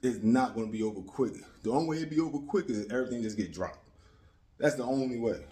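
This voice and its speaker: This American man, a YouTube commentator, has a mid-range, mellow voice with lively intonation and a quick pace. His commentary is casual, opinionated and streetwise, full of slang, repetition for emphasis, and frequent checks that listeners are keeping up.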